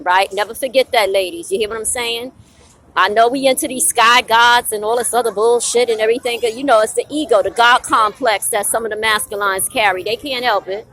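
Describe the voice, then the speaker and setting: Fiery, preachy woman with a high voice. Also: fairly bright tone, poor audio. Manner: fiery, preachy, profane, drops rhetorical "right?" often. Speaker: vlogger. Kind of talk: blunt outdoor rant to camera. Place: outdoors at a bus stop with passing traffic.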